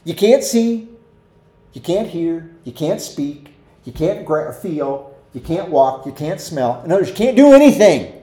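A man's voice: a little high, very animated, measured pace, dark tone, echoey room. A man preaching a conversational sermon as pastor, acting out quoted voices as he teaches. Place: church sanctuary.

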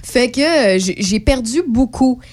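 A woman from Quebec with a Québécois accent, hosting a radio show in a chatty, rambling way, filling pauses with lots of hesitations. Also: a little high, lively intonation, a little mellow. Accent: Québécois French. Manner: chatty and rambling, many fillers. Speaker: radio host. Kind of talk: casual radio chat.

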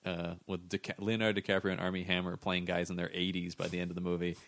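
Male podcast host, low voice, quick chatty film talk. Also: little pitch movement, fairly bright tone. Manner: chatty, analytical. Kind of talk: casual film discussion.

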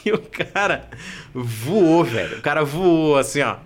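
A Brazilian man with a Brazilian Portuguese accent, telling a comic story in a casual chat, animated and laughing often. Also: on the high side, a little slow. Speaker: guest storyteller.

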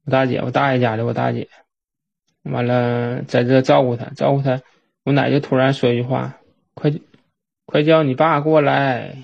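A man with a Northeastern Mandarin accent, recalling a family memory in a halting, repetitive way with frequent restarts. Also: mid-range voice, little pitch movement, creaky. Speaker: storyteller. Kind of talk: personal reminiscence monologue. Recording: dull lo-fi recording.

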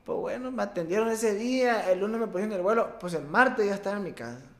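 A young man from Mexico, his voice sitting a little high for a man, talks through a personal memory in a halting, emotional way, breaking off and starting over. He sounds like a podcast guest sharing his story in a casual interview. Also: lively intonation. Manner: emotional, halting retelling with many restarts. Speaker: guest, baseball player.

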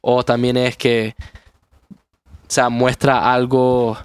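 A man with an American accent in his Spanish, a native English speaker, talking casually as an interview guest in halting Spanish mixed with English phrases. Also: medium pitch, little pitch movement, smooth, no echo. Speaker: guest musician.

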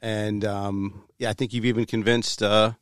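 A man's voice: lowish voice, flat delivery, normal speed, clean tone, dry recording, clean studio sound. A man hosting a casual chat, joking wryly with a guest. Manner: wry, joking host. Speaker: host.

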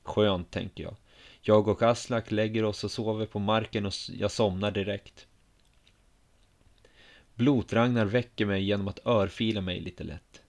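A man telling a first-person story in a calm, measured, quiet way. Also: lowish voice.

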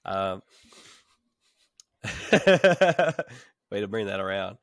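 A man's voice: on the low side, very animated, very slow, a bit bright, no echo, studio quality. A man co-hosting a casual podcast chat, rambling and laughing between thoughts. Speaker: podcast co-host.

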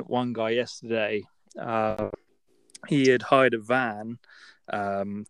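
Low-voiced young West Country man, close and dry. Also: smooth, no echo. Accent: West Country English. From West Country, England. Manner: informal British slang, dragged-out long A vowels. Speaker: podcast speaker. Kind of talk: casual chat, telling travel anecdotes.

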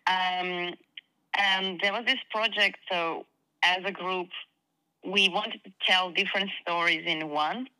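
A woman's voice: on the low side, steady tone, slow pace, bright, forceful tone, smooth, rough recording. A young woman from Croatia with a Croatian accent, answering interview questions hesitantly with many fillers. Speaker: guest actress. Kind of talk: casual interview chat.

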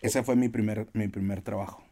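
A Mexican man in his forties tells anecdotes as a guest on a casual podcast interview. His fairly low, warm voice moves fairly quickly with fairly even intonation, and he often uses fillers and restarts.

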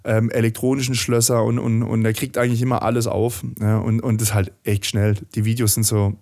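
A man's voice: on the low side, level tone, brisk, darkish tone. A man co-hosting a casual podcast chat at his home desk, rambling, swearing and acting out the people he quotes. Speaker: podcast co-host. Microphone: desk microphone.

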